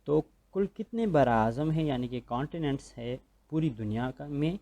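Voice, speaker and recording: A man's voice: medium pitch, lively intonation, warm tone. A man with a Pakistani accent giving a recorded school lecture, patiently repeating points and checking that students follow. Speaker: school teacher.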